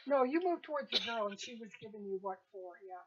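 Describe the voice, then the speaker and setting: A woman narrating a tabletop game as game master, relaxed and laughing easily. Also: fairly high pitch, quick pace, husky, lo-fi sound.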